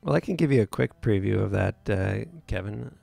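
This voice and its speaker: A man's voice: lowish voice, animated, moderate pace, creaky, dark tone, no room sound. A man hosting a live photo editing tutorial, talking casually with many fillers and restarts.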